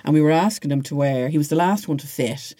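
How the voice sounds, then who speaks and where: A woman's voice: sits low, fast, crowd noise. A woman, a guest on a podcast, telling anecdotes in casual, filler-heavy chat. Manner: animated storytelling with many fillers.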